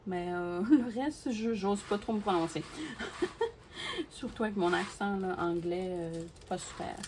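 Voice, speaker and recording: A woman chats through a craft unboxing, with a mid-pitched voice and easy fillers. She repeats her words when she gushes and talks straight to her viewers. The home recording carries a steady hiss and small clicks. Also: a little slow. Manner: chatty, gushing, many fillers and repeats. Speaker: crafting YouTuber. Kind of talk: casual unboxing talk to viewers. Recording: steady background noise with clicks.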